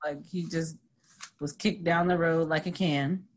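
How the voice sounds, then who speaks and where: A woman's voice: low-pitched, fairly even intonation, measured pace. A woman in her thirties co-hosting a podcast, joking about a TV show in sassy, profane banter. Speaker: podcast co-host. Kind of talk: casual chat recapping a TV show.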